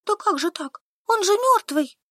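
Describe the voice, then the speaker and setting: A woman's voice: very high-pitched, lively intonation, a little slow, bright, forceful tone, dry recording, clean studio sound, voice pushed up, heavily acted. A woman voicing a squeamish, easily panicked young female teacher who squeals and pleads, in an audiobook. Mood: panicky. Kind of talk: audiobook character voice.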